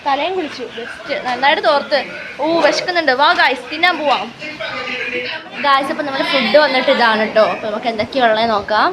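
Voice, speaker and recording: Over a noisy crowd, a woman with a high-sitting voice talks at a quick pace to her viewers, whom she addresses as guys. This travel vlogger is chatty and full of exclamations, filming casually on her phone from a sunny rooftop terrace before heading indoors amid loud background noise.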